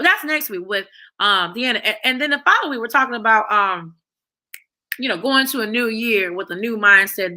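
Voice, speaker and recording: A woman's voice: medium pitch, pushed and bright. A woman hosting a talk show, chatting casually with her viewers and often repeating phrases as she thinks aloud. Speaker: host.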